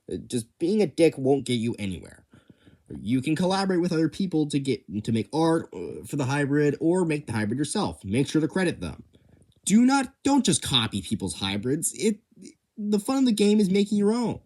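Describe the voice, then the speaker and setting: Stammering young man with a lively voice. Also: a little high. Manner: stammering, many restarts and fillers; impulsive, enthusiastic. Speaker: channel host announcing a creature-design contest. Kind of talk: casual unscripted rules rundown.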